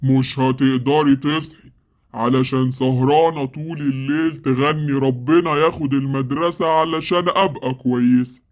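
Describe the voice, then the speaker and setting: A man voices a gloating monster of sleep for an animated game series, speaking with an Egyptian accent. His voice sits in a middle range. He scolds lazy children. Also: medium pitch, moderate pace, natural voice. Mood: menacing. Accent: Egyptian Arabic. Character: menacing male sleep monster who kidnaps lazy kids. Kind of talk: Roblox story series acting.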